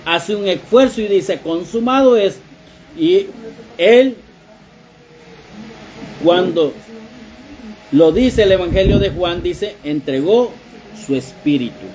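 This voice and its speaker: A man's voice: sits high, expressive, slow pace, long pauses, darkish tone. A man preaching a sermon to his congregation, telling stories as he goes. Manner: storytelling preacher addressing the congregation.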